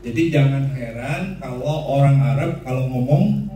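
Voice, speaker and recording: Guy teaching a room full of people, lively and jokey, lots of echo, a bit far from the mic. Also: mid-range voice, a little slow, a little hiss or hum. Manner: lively, joking, asks the room questions. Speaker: instructor. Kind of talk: classroom lecture with audience questions.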